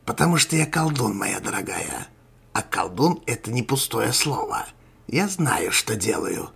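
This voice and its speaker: A man voicing a sinister male sorcerer villain in a crow mask, with a hoarse, gravelly voice and a gloating, menacing manner, in an audio story. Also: on the low side, sing-song, unhurried, fairly bright tone, heavily acted. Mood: gloating menace.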